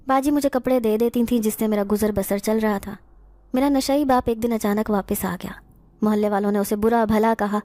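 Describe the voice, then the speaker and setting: A woman narrating a first-person horror story in a steady storytelling manner. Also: mid-range voice, no room sound.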